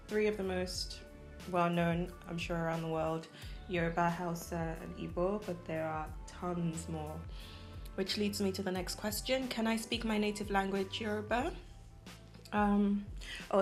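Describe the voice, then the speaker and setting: In a reverberant space, a lowish-voiced young Nigerian woman talks casually as she eats for her food vlog. She's chatty, pausing to eat between lines and filling gaps with ums.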